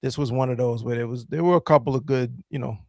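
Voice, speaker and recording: Brief: male podcast host, mid-pitched, loose rambling delivery full of fillers, dry close mic. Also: fairly even intonation, fast, creaky, dark tone, dry recording. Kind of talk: casual chat.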